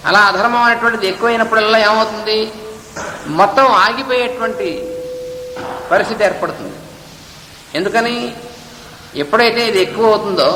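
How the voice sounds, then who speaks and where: A man giving a spiritual discourse, reading a text and then explaining it, sometimes chanting verses slowly. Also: high-pitched, sharp tone, echoey room, long reverb tail, a little hiss or hum, low-quality recording. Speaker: spiritual teacher. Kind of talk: Gita discourse.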